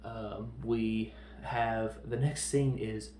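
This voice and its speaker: A man hosting a podcast, giving a casual, opinionated film review and mocking people with quick put-on voices. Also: fairly low pitch, fairly even intonation, mellow. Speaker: podcast host reviewing films. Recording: echoey room with faint background noise.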